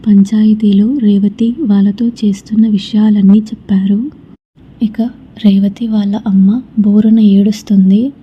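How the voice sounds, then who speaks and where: Breathy, flat-voiced woman telling a horror story. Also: medium pitch, dull audio. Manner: soft, often slipping into a whisper.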